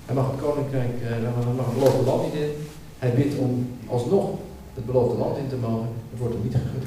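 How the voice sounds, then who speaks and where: A man delivers a sermon with steady emphasis, circling back on his own words to drive a point home. His voice is mellow and dark. He is heard from well off the mic, in a large hall full of echo. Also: mid-range voice, a little fast, slight background noise. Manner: emphatic, repeats words while building a point. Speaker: preacher. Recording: echoey hall, speaker far from mic.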